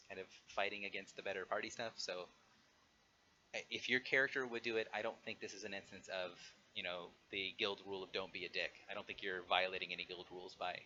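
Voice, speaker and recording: A man running an online tabletop game as game master, explaining and narrating in a halting way. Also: fairly low pitch, sharp tone. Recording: dull audio with faint noise.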